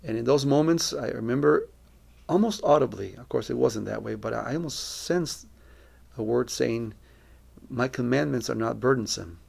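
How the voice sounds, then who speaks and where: A man from Colombia, middle-aged and working as a missionary, recounts his personal testimony in an earnest, thoughtful way, weighing each word. He has a very gravelly, creaky voice of ordinary male pitch that comes across a little mellow at a moderate pace.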